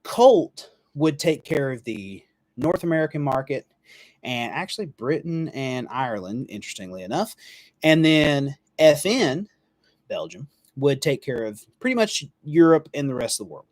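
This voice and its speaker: A man's voice: mid-range voice, sing-song, moderate pace, darkish tone, dry recording. A man hosts a live firearms show in an easygoing, rambling manner, backing up to correct himself and letting mild swears slip. His voice sits in an ordinary middle register. The sound is close and dry, with no room around it. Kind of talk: casual live-stream history talk.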